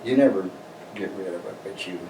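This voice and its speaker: Deep-voiced older American veteran remembering, halting. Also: male voice. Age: older, 60s or above. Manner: old veteran remembering, halting and plain-spoken. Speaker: interviewee, war veteran. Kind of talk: personal reminiscence in an interview. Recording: roomy, distant mic, noisy background.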